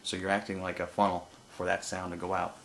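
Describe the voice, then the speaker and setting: Low, monotone man teaching. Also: creaky. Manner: halting, unscripted explaining with pauses. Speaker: duck-calling instructor. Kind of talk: informal hands-on tutorial.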